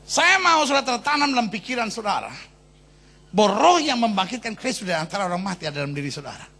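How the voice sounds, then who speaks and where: Excited pastor guy preaching, jokey, lively high voice, bit husky. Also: fast. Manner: animated, joking, call-and-response preaching. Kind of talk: sermon.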